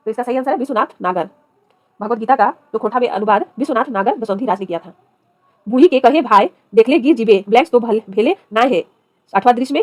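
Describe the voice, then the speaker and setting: Woman teacher, reads the question then says the answer, quick and a bit high, dry sound. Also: dry recording. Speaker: exam-prep teacher. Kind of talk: reading quiz questions and giving answers.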